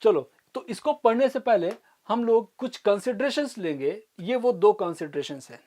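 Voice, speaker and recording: A woman teaching an online physics class for exam students. She explains step by step, slows down to dictate formulas, and keeps checking that students follow. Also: mid-range voice, expressive, warm tone. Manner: explains step by step, often asks "ठीक है?" to check understanding.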